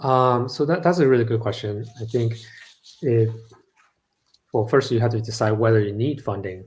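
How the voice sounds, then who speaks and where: A man's voice: medium pitch, moderate pace, a little mellow, poor audio. Hesitant man explaining startup funding. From Los Angeles, California. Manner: hesitant, many ums, explanatory. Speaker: guest startup founder and advisor. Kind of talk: live online event conversation.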